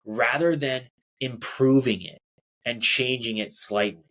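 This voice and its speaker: A man's voice: mid-range voice, measured pace, fairly bright tone. A young adult man hosting a solo self-help podcast, talking casually, restarting phrases and acting out quoted reactions. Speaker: podcast host.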